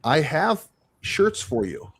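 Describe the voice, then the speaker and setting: A man's voice: on the high side, big pitch swings, takes it slowly, breathy edge, no echo. A man co-hosting a casual show, chatty and prone to repeating words. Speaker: co-host. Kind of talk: casual chat.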